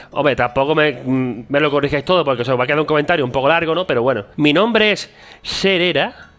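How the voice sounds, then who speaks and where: Spanish-accented man, middle-aged, playful self-mocking vlogger, slightly high voice. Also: a bit bright. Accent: Spanish from Spain. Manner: joking, self-mocking, chatty. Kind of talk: joking casual language vlog.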